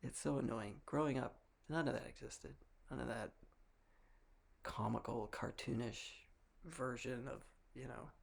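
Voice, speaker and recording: A man's voice: mid-range voice, measured pace. A young man from Massachusetts with a mild Massachusetts accent, musing in a wry, rambling, opinionated monologue. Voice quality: gravelly, husky. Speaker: vlogger. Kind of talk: casual monologue.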